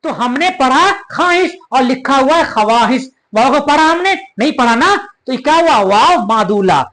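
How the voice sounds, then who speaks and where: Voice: sits high, expressive, normal speed, fairly bright tone, rough recording. A patient teacher giving a grammar lesson, who repeats key terms, draws out example words and talks to viewers as students. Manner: addresses viewers as students, calls them child. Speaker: Urdu teacher. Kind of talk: classroom-style grammar lesson.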